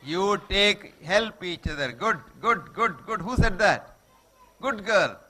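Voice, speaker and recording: A man's voice: high-pitched, animated, slow, bright, forceful tone. A man with a Telugu Indian accent giving a motivational talk to children, speaking emphatically, repeating short maxims and checking that his listeners follow. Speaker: guest speaker addressing schoolchildren.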